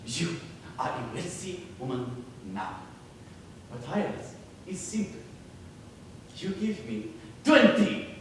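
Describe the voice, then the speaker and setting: A man's voice: high-pitched, fairly bright tone, a little hiss or hum, full character voice. A man playing a scheming French con man. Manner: put-on French accent, drawn-out lines. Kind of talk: amateur stage play. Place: theatre stage. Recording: echoey hall from far off.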